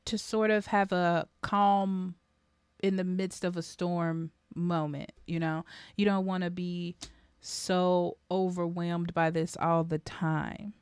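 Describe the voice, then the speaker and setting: Woman, tarot reader, casual reflective reading, lowish voice, dry close sound. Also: clean tone, no room sound. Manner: reflective, speaks straight to the listener with frequent ums.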